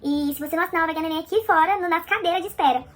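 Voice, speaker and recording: A woman's voice: very high-pitched, racing, voice pushed up. A woman voicing her insistent mother-in-law making an urgent phone call. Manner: urgent, pleading.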